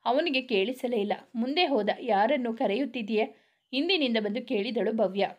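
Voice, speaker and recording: A woman narrates a romantic family story with a fairly high voice. She reads it steadily, like a prepared script, and voices each character's lines in much the same voice. The telling stays calm and even throughout. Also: a little fast.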